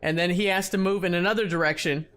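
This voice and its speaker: A man excitedly commenting on a video game for his channel in a casual, hyped-up way, swearing now and then. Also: sits high, fast, clear, resonant tone. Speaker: gaming YouTuber.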